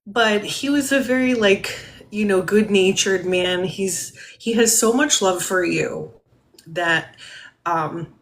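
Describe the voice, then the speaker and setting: A woman giving a spirit reading to a caller on a live stream, talking gently with many fillers and soft laughs. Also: mid-range voice, takes it slowly.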